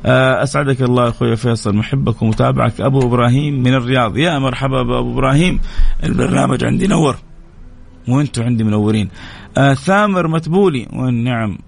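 Man, radio host, rapid casual chat, rough creaky voice. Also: mid-range voice. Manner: warm greetings, quick lively delivery. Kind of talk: casual live radio chat, reading listener names.

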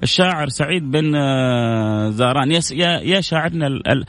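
Radio host guy, gravelly voice, talks quick, faint music behind in the studio. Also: medium pitch, expressive. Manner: warm, devout, reads out messages and answers them with prayers. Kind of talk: call-in radio show reading listener messages. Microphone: studio microphone.

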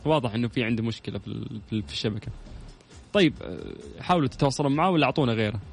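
A man's voice: medium pitch, vocal fry, faint music behind. A man hosting a live call-in radio show, greeting listeners and chatting with callers. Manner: warm greetings, quick lively banter with callers. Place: radio studio.

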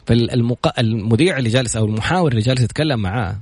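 Husky-voiced Saudi man, rapid-fire motivational storytelling host. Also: medium pitch, no room sound. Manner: rapid, animated, retells others' stories.

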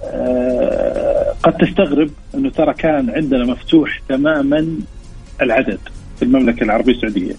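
Husky, quick-talking Saudi man explaining. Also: medium pitch, fairly even intonation. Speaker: guest expert, sports historian. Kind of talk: explanatory interview talk. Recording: dull lo-fi radio sound, music behind.

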